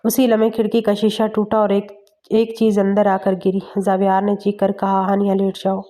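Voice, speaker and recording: A woman narrating a dramatic love story in an even, steady reading. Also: medium pitch.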